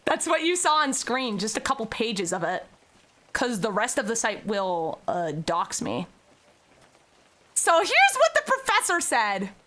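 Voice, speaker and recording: A woman's voice: on the high side, a little slow. A young woman streaming, chatting casually and directly with her viewers. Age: young adult. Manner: chatty, talks to chat directly, bursts into excited squeals. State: tearful with joy. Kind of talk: casual livestream chat.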